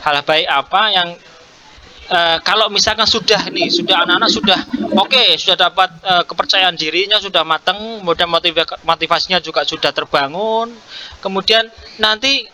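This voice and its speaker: A man's voice: high voice, normal speed, pushed and bright, slight background noise. A man, coaching a fellow teacher in a hesitant, encouraging way, with many fillers. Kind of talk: coaching conversation practice.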